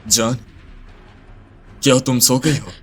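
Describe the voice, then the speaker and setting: A man's voice: medium pitch, fairly even intonation, slow pace, fairly bright tone, distant mic, soft background music. A man dubbing a deceitful, short-tempered husband, with a Hindustani accent. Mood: feigned care. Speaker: dub actor. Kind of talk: dubbed drama acting.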